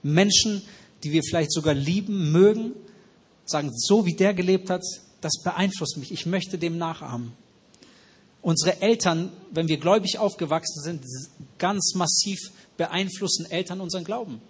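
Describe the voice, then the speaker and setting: Preacher, male, slightly high husky voice, interactive sermon, quizzes the congregation and echoes back their answers. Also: moderate pace. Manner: asks the congregation questions and repeats their answers. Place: church hall with noisy ventilation.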